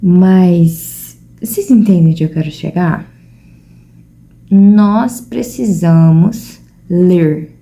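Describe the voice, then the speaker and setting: A woman's voice: on the low side, extremely slow, vocal fry, long pauses, mellow. A young Brazilian woman with a Brazilian Portuguese accent, talking earnestly and casually to her viewers at home, seated at a table. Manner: earnest, conversational, addresses viewers directly. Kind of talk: casual reflective talk to camera.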